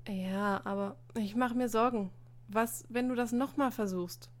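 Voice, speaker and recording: A woman's voice: fairly high pitch, steady tone, unhurried, lightly acted. Stiff overthinking teen boy voiced by a woman reading, ponders everything, bit formal. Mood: worried. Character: brooding, overly formal teenage schoolboy.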